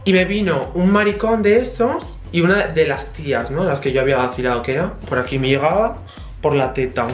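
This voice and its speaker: A man's voice: on the high side, fairly quick. Camp young man, Spain Spanish accent, dramatic vlog storyteller; roomy echo. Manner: camp, dramatic, crude slang. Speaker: vlogger. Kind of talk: casual storytelling. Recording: roomy echo, faint music.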